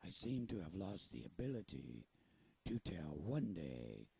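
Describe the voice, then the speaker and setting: Guy putting on a husky growly pirate voice, super deep and slow, swings up and down a lot. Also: very animated, dark tone, no echo. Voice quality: gravelly, husky. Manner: drawling, theatrical pirate speech with chuckles. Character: old sea pirate sailor narrating his tale. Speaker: storyteller. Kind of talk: storytelling in a pirate voice.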